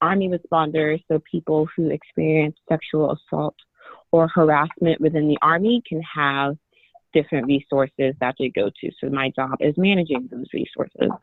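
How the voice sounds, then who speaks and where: A woman's voice: low-pitched, steady tone, brisk, no echo, narrow, tinny audio. A woman guest on a podcast, speaking in an earnest, flowing way over a remote line. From United States. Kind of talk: interview answers.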